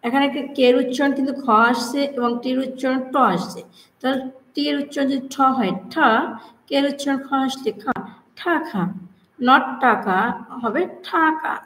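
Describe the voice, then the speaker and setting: A woman giving a spoken language lesson, repeating each word slowly for drilling as she writes it out. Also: sits high, a bit bright, roomy sound, rough recording. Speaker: English teacher.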